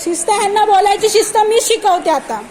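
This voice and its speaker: A woman's voice: very high voice, brisk, a crowd in the background. A woman arguing with office staff while filming on her phone, insistent and confrontational, repeating her words over and over. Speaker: parent filing a complaint. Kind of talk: heated confrontation filmed live. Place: busy government office, indoors. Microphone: phone camera held while filming. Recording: noisy crowded office.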